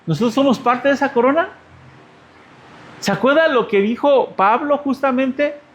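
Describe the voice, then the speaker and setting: A man's voice: very high-pitched, normal speed, highs cut off. A Mexican male pastor giving a conversational sermon, asking the congregation rhetorical questions. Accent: Mexican Spanish.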